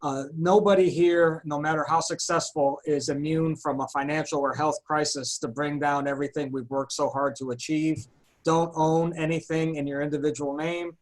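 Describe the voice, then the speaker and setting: Lawyer guy, slightly high voice, crisp and earnest, warning everybody. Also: level tone, normal speed. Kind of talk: brief panel introduction and advice.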